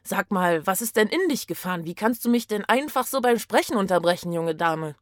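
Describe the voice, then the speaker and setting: A woman's voice: medium pitch, lively intonation, normal speed, dry recording, clean studio sound, natural voice. A woman voicing a pushy middle-aged mother who nags and scolds her daughter in a story reading. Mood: scolding. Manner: nagging, exasperated, insistent.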